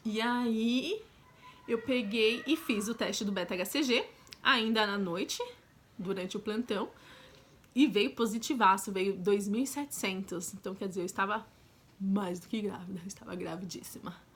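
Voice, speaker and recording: A woman's voice: medium pitch, moderate pace. A young woman with a Brazilian Portuguese accent, telling a personal story in a chatty, direct vlog style with frequent asides to the viewer. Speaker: vlogger. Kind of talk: casual storytelling.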